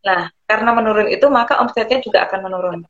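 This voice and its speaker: A woman who explains things conversationally and pauses often to search for words. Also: mid-range voice, fairly bright tone. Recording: roomy, dull lo-fi sound.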